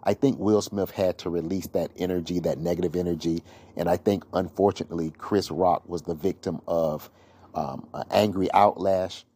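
A man's voice: deep voice, fairly even intonation, normal speed, warm tone, slightly rough. A man hosting his own gossip podcast, talking through celebrity news in an opinionated, rambling way with many fillers and restarts. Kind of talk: casual solo commentary.

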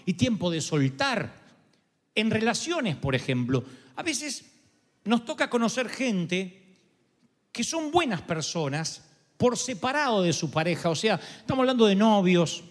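Animated high-voiced preaching man. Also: long reverb tail. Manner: emphatic preaching with dramatic pitch swings. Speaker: pastor. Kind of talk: sermon.

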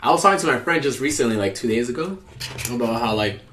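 A young man chatting casually on a podcast, animated and swearing a lot, laughing often. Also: mid-range voice, fast talker, a little hiss or hum.

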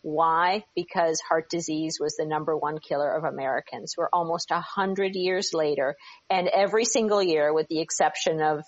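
A woman cardiologist speaking as a podcast guest, explaining conversationally, on a slightly dull recording. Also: low voice. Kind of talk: conversational expert interview.

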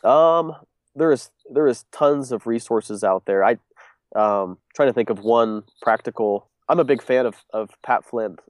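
A man's voice: mid-range voice, a little slow, dry recording. A young man with a congested, stuffy voice, talking casually as an interview guest and rambling with many fillers and restarts. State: congested, sick. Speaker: guest, business owner.

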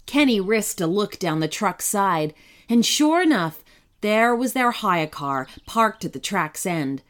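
Animated woman reading a children's story. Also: medium pitch, unhurried. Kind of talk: scripted narration for children.

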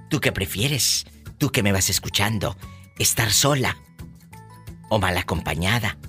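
A man hosts a live radio show from the studio. He talks in a sassy, theatrical way, and his voice swoops all over in pitch. The tone is bright and sharp. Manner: playful, theatrical, sassy advice. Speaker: radio host.

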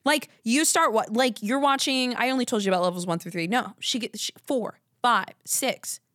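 A woman's voice: a little high, moderate pace, a bit bright, no echo, clean studio sound. A woman hosting a podcast alone, talking in a rambling, candid, casual way and swearing now and then. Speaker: podcast host. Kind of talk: casual solo chat.

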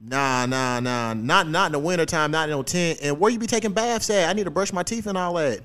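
A man's voice: on the high side, brisk, a bit bright. A man hosting a podcast, chatting casually and comedically in slangy, profane, teasing talk. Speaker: podcast host.

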